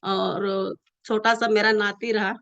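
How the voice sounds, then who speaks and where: An older woman with a non-native Hindi accent gives a personal church testimony in an earnest, halting manner, repeating herself often as she tells her story. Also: medium pitch, level tone, vocal fry, fairly bright tone, no room sound, dull audio. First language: not Hindi. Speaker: church member giving testimony.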